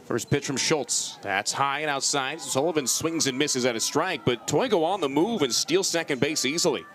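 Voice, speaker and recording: A man's voice: a little high, lively intonation, moderate pace, fairly bright tone. A man giving live baseball commentary as a play-by-play broadcaster at an outdoor ballpark.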